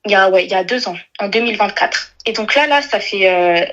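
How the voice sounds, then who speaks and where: A woman's voice: medium pitch, fairly quick, fairly bright tone, dull audio. A young woman calling in, telling a personal story in a rambling, hesitant way with many restarts. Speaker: caller. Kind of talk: emotional phone-in confession.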